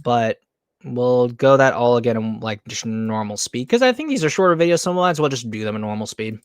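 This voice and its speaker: A man's voice: medium pitch, animated, fairly quick, clear, resonant tone, no room sound, clean studio sound. A man hosting a casual streamed podcast, rambling and talking in fillers and restarts. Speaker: podcast host.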